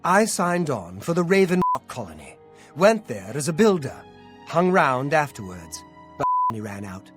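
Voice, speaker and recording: A man voicing a rough working townsman in a fantasy game, in scripted dialogue. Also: on the high side, big pitch swings, normal speed, over loud music. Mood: informative.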